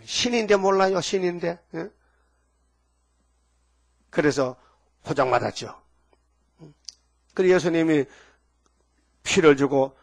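A man's voice: a little high, breathy edge. A male pastor preaching a sermon in a folksy way, often asking the congregation short rhetorical questions.

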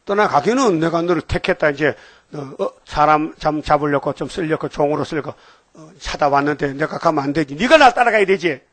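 A preacher voicing a stern, scolding teacher. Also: male voice, fairly high pitch, expressive, a little fast, fairly bright tone, no echo. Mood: firm. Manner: scolding and emphatic.

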